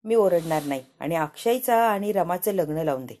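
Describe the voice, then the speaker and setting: A confused old grandmother who pleads and calls out like a child, as a woman acts her out. The voice stays mellow and soft-edged. It is part of a spoken TV serial recap. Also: on the low side, expressive, moderate pace, close to an everyday voice. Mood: pleading.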